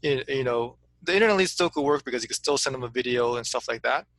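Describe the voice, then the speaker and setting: In a dry recording, an animated man with a medium-pitched, slightly bright voice talks at a quick pace. Eager and constantly restarting, he coaches an insurance agent in a relaxed consulting conversation, repeating words when he begins and dropping in "to be honest with you."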